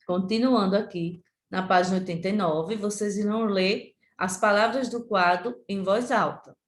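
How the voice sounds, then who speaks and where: A woman teacher from Brazil with a Sergipe accent, giving a remote lesson to children and repeating words slowly and deliberately. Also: medium pitch, fairly even intonation, echoey room. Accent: Sergipe Brazilian Portuguese.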